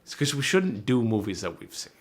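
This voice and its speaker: A man's voice: on the low side, very animated, brisk. A man co-hosting a casual podcast in an easygoing, laid-back way. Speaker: podcast co-host. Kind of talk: casual chat.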